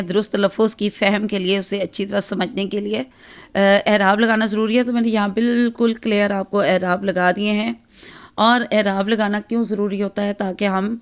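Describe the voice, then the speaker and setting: A woman speaking at medium pitch with a Pakistani Urdu accent teaches an exam-focused grammar lesson. She explains patiently, checking in often and pausing with fillers.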